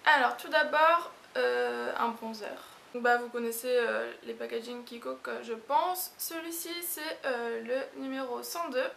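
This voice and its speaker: A woman's voice: on the high side, fairly even intonation, a little slow, vocal fry, a bit bright. A woman casually reviewing makeup products in a chatty, rambling, hesitant way. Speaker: beauty vlogger. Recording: echoey room with hiss.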